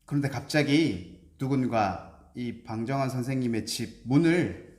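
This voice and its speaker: A man's voice: medium pitch, measured pace, roomy sound, background noise. A male pastor telling a story in a sermon and putting questions to the congregation. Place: church sanctuary.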